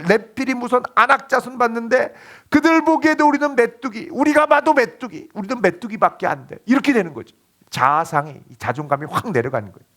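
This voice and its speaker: A man preaching a sermon as a pastor, telling the story with lively acted-out quotes. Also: high voice. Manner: animated storytelling, acting out quoted voices.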